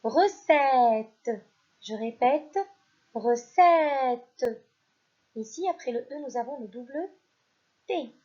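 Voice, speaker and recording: A woman teaching a primary school phonics lesson, who reads each word out loud twice and praises the children. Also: fairly high pitch, expressive, slightly rough, muffled recording. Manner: slow and deliberate, repeats each word and stresses it louder; addresses pupils directly, praising them. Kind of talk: recorded French phonics lesson.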